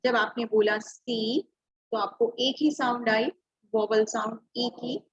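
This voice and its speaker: Woman teacher, high-pitched, slow and patient, dull lo-fi online class sound. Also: steady tone, breathy edge. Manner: patient, spells words letter by letter, mixes Hindi and English. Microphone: computer or phone mic on a video call.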